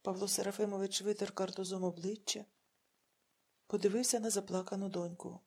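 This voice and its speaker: Husky woman narrating a grave story. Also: mid-range voice, level tone, fairly quick, a little mellow. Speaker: audiobook narrator. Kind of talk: scripted narration.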